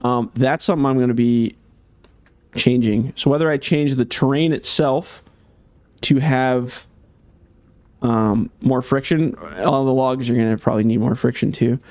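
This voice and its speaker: A man giving casual gameplay commentary as a game modder, chatty and thinking aloud with many fillers, slightly hoarse. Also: mid-range voice, steady tone, a little slow, darkish tone, dry recording.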